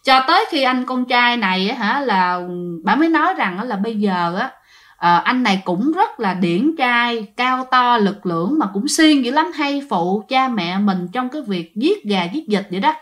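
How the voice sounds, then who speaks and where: Woman, ghost story teller, chatty and direct with listeners, a bit high-pitched. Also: lively intonation, normal speed, fairly bright tone. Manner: chatty, addresses listeners, many fillers. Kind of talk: told ghost story narration.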